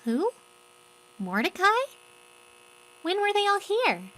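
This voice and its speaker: Plucky young female cartoon bootlegger acted by a woman: high-pitched, very animated, cheeky and perky fan-dub delivery. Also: slow, exaggerated voice, low-quality recording. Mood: chatty.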